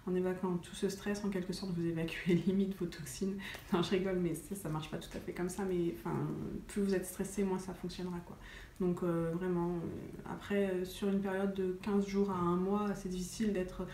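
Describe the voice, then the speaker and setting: A woman's voice: fairly low pitch, flat delivery, moderate pace, mellow. A woman vlogging about wellness in a casual chat to the camera, chatty and full of hesitations. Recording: roomy sound with faint noise.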